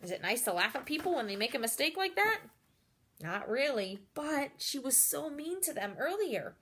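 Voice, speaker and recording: Reading a picture book to children, this storyteller has a high, fairly bright voice and is very animated at a normal speed. She performs the text expressively and keeps turning to the kids with chatty remarks.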